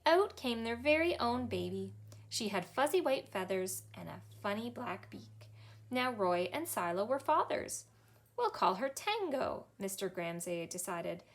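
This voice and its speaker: Storytime in a small indoor library room has a thirtysomething children's librarian with a Canadian accent reading a picture book aloud, cheerful and expressive. Her mid-range voice carries noticeable vocal fry.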